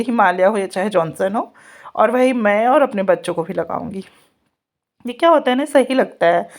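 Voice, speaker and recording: Chatty mother vlogging at home. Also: fairly high pitch. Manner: chatty, laughs often. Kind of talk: casual home vlog chat. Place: home, getting children ready.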